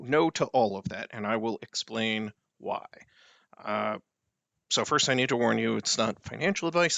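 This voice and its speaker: Guy with a gravelly voice, blunt and repetitive, dry close sound. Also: medium pitch, a bit bright, no echo. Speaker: personal finance video host. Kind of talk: blunt explanatory monologue.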